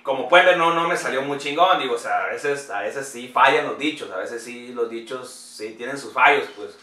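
A man's voice: medium pitch, normal speed, pushed and bright, reverberant, distant mic. A young man with a Mexican Spanish accent, ranting sarcastically and profanely as a comedy vlogger. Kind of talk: crude comedic rant.

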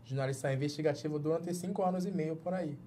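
A fast talker, he has a warm voice on the high side, with a little hiss or hum in the recording. This Jamaican man in his thirties, a journalist with a Jamaican accent, is a guest in a small padded studio for a casual interview, frequently restarting words as he reaches for them in Portuguese.

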